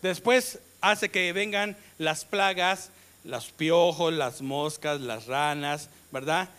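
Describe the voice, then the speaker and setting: A man's voice: on the high side, clean tone. A man with a Mexican Spanish accent preaching a sermon, stressing his words and asking the congregation questions for them to answer back. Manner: call-and-response questions to the congregation; slow, emphatic delivery with sudden loud rises. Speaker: pastor.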